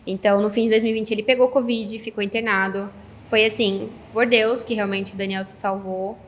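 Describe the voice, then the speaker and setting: A woman in her thirties chatting casually as a podcast guest, telling a story with lively acted-out dialogue. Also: medium pitch, brisk, a little hiss or hum. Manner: animated storytelling, acts out quoted dialogue. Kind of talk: casual chat.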